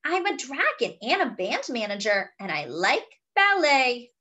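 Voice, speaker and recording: A woman plays a gentle storybook dragon who loves books, earnest and eager to be liked. The voice is high and lilting, with drawn-out words. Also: big pitch swings, lo-fi sound, full character voice. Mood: hopeful. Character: friendly, bookish male dragon introducing himself.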